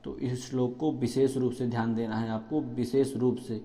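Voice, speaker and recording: A male teacher slowly chants verses line by line and repeats them. Between lines he gives quieter spoken notes on pronunciation. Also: mid-range voice, level tone. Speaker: recitation teacher. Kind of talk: slow verse chanting lesson. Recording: echoey long-reverb hall, dull lo-fi sound, faint music.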